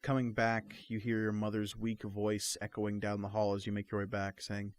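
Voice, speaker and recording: Male game master, low voice, measured scene-setting narration. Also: monotone.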